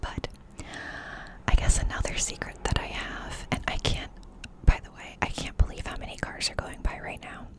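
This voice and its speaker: Woman in a breathy cupped ASMR whisper. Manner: intimate, confiding, repeats phrases slowly. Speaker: ASMR creator. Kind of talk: whispered ASMR life-update chat. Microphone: close mic with cupped whispering.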